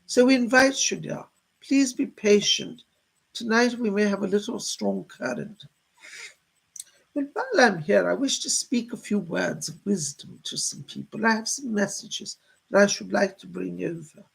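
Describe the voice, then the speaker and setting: A man as a seance medium voicing a gentle, motherly female spirit guide, speaking in genteel, solemn endearments with a husky, creaky voice. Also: high voice, animated, normal speed, full character voice, rough recording. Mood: reassuring, genteel, then affectionate, greeting. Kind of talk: seance medium trance channeling, addressing sitters with spirit messages.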